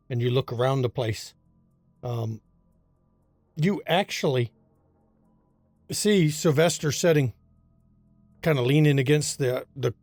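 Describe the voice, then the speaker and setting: A man narrating a tabletop role-playing game as game master, in a descriptive, unhurried storytelling manner. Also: medium pitch, darkish tone, dry recording.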